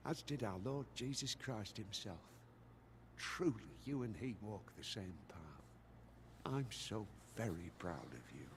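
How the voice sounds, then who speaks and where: A pious old-world preacher in a game, deepish, very up and down, reverent, some background noise. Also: male voice, lively intonation, slow. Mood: solicitous, reverent. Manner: formal, old-fashioned, reverent. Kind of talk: video game voice acting.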